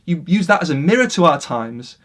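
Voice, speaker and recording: A man delivers a heated opinion rant straight to his camera, his voice sitting a little higher than most. He talks with real passion, surging loud and then dropping to near-muttered asides. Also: brisk. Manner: passionate, animated, swings between loud and quiet. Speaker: vlogger.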